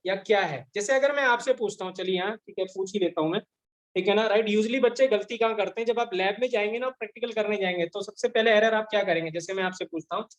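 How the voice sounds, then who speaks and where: Slow-dictating Indian chemistry teacher, man. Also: high voice, rough recording. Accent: Indian English. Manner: slow dictation, repeats phrases, calls students beta. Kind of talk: classroom lecture dictating notes.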